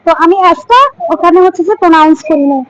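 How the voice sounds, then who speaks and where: A woman from Mirsarai, Bangladesh, speaks with a very high voice. She steadily retells her exam interview, quoting each exchange in turn. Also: fast talker, lo-fi sound. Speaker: exam candidate interviewed after viva. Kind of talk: street interview, recounting.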